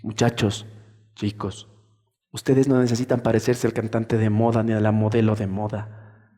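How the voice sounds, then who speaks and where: A male pastor preaching a sermon in a lively way, acting out the voices of churchgoers as he goes. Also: fairly low pitch, moderate pace, in a large hall.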